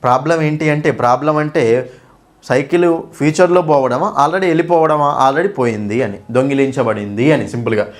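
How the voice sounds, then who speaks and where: A man's voice: medium pitch, normal speed. A man teaching an exam-prep English lesson, explaining step by step and asking students questions.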